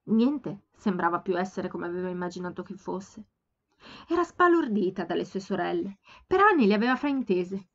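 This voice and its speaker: A woman narrates a novel in a calm, steady storytelling voice. Her pitch is ordinary and mid-range. The slightly dull home recording softens the top end. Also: moderate pace. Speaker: amateur audiobook reader. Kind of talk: audiobook narration.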